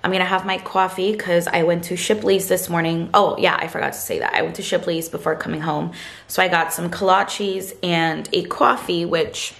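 Tired, gravelly young woman vlogger. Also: fairly low pitch, fairly even intonation, moderate pace, fairly bright tone. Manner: chatty, frequent "like" and "you guys". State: tired after a night shift. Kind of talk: casual vlog chat. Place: sitting on a couch at home. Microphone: handheld vlog camera.

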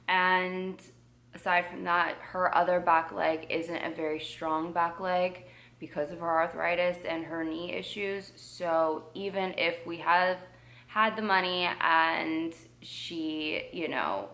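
A young woman vlogging a personal update at home, emotional and hesitant, pausing often with fillers. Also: low-pitched, gravelly, a bit bright. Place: at home with her dog.

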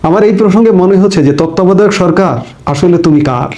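A man's voice: sits high, fast, warm tone. A man giving a political commentary monologue, reading out court details and then arguing his own view.

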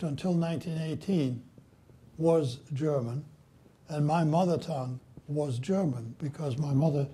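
An older Polish man gives a prepared history lecture as a guest speaker in a library lecture room with an audience. His voice is deep and dark, pitched slightly high, and his delivery is unhurried, measured and solemn, with quotations read slowly. He speaks at a lectern, filmed by a distant camera.

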